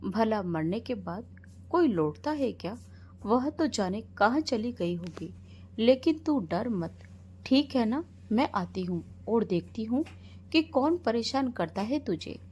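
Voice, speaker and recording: A woman voicing a sharp-tongued older mother in a storybook tale, scolding and indignant. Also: a little high, expressive, takes it slowly, slight background noise. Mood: reassuring.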